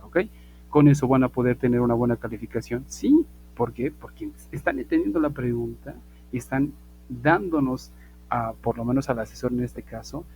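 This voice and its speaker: A man teaching a basic English class online, repeating points emphatically, asking "ok?" often and modeling English phrases slowly. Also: mid-range voice, mellow, slight background noise, rough recording. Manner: repetitive, emphatic, checks understanding with "ok?".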